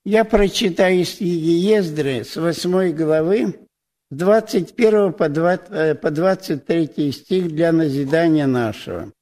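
Slow halting man in his eighties. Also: a little high, a little mellow. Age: 80s. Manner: halting, many restarts and hesitations. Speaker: presbyter. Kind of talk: testimony in church.

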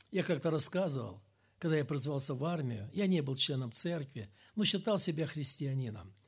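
A middle-aged man preaching a sermon, swinging between loud emphatic peaks and low quiet asides. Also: animated, normal speed, breathy edge. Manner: acts out quoted speech in a raised voice.

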